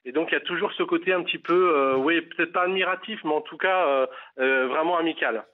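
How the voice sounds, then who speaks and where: Radio caller, Parisian man, slightly high voice, halting, heard over a tinny phone line. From Paris, France. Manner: hesitant, many fillers and restarts. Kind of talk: phone interview. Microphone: telephone.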